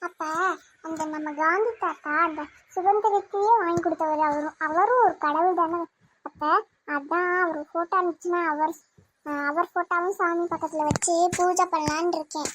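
A woman's voice: extremely high pitch, fairly even intonation, moderate pace, fairly bright tone, slight background noise. A woman voicing a sweet, earnest young daughter-in-law in a cartoon, with a Tirunelveli Tamil accent.

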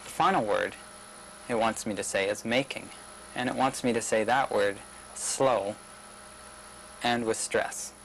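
A young man narrating a demonstration video in a measured, plain explanatory way. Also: on the low side, creaky, a bit bright, slight background noise, low-quality recording. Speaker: researcher demonstrating a system. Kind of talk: scripted narration of a demo video.

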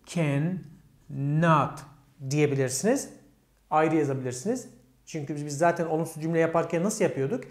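A man teaching English grammar to Turkish speakers. He poses questions to his students and answers them himself, and he says the English examples with a Turkish accent. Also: on the high side. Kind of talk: explaining grammar step by step. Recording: echoey room.

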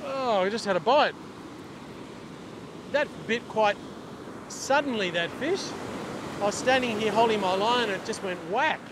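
A middle-aged Australian fishing instructor and vlogger gives casual, relaxed lessons to camera, his voice sitting high for a man. He speaks at a measured pace with long pauses. He's outdoors on an open ocean beach, with waves, surf and wind clearly audible.

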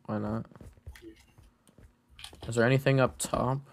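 A man's voice: medium pitch, fairly even intonation, unhurried, gravelly, slight background noise. A man playing Minecraft with a friend, joking and reacting casually as he plays. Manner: joking, playful, mutters reactions to the game. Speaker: Minecraft server player, channel host. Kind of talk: casual gaming chat.

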